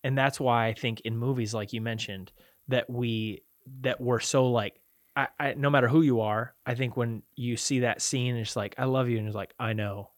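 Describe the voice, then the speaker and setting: A man's voice: mid-range voice, fairly even intonation, normal speed, no room sound, studio quality. A man in his thirties, a podcast co-host, talking about love in a rambling, reflective way with frequent restarts. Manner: rambling, self-correcting, reflective. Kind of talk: casual faith discussion.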